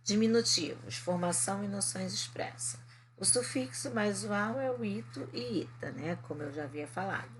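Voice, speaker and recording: A woman's voice: mid-range voice, animated, a little hiss or hum. A woman with a Brazilian Portuguese accent, teaching a recorded remote class and explaining step by step, often checking in with short tag questions. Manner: slow explaining with frequent "né?" and "tá?" check-ins. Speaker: Spanish teacher.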